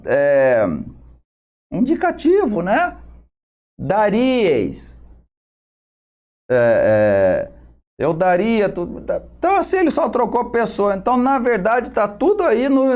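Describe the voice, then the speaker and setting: A man's voice: high voice, a little mellow. A male teacher with a Brazilian Portuguese accent working through exam questions for students, explaining step by step and ending nearly every phrase with a tag question.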